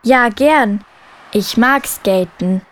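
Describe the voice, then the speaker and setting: A woman voicing a friendly schoolgirl, high and careful. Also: no echo. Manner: slow, careful, clearly spoken. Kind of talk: textbook listening dialogue.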